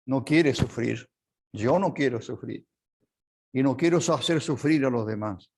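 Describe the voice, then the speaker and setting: Slow, earnest Chilean pastor preaching. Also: male voice, mid-range voice, gravelly, husky. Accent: Chilean Spanish. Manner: slow, earnest preaching that drops to a soft prayer. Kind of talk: sermon.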